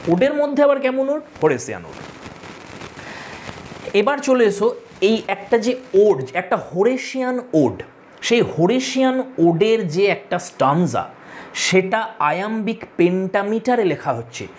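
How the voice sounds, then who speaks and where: A man teaches literature to exam students in a lecture with a high, sing-song voice, going a little slowly. He explains step by step, repeats the main points, addresses the students, and has them take notes, with a little hiss or hum.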